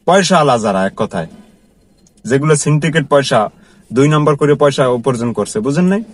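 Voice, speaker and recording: A man's voice: mid-range voice, expressive, a little fast. A man who works as a car driver, telling a personal story to his viewers in an earnest, repetitive, conversational way. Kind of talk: casual storytelling vlog.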